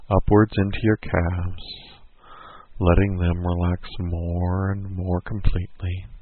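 A man slowly guiding a listener through a hypnosis induction in a soothing, repetitive way. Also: deep voice, flat delivery, no room sound. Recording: tinny phone-like sound.

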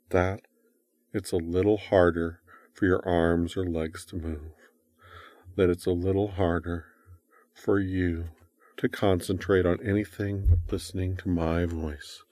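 Male hypnotist, deep voice, very dry close recording, soothing and repetitive, coaxing the listener through an induction. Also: a little mellow, dry recording.

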